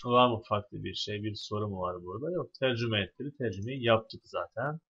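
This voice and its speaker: A man's voice: lowish voice, a little fast, a bit bright, breathy edge, dull audio. A man teaching an Arabic lesson, reading a story phrase by phrase and translating each piece for his students. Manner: reads a phrase in Arabic, then translates it word by word; explanatory, addresses students directly. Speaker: religious high school Arabic teacher.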